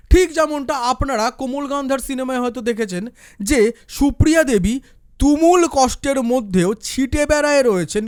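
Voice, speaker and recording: A man with a strikingly high voice delivers a forceful political commentary. He argues his case through rhetorical questions and answers them himself. The recording is close and dry, with no room sound. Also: no echo. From West Bengal, India. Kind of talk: opinion commentary monologue.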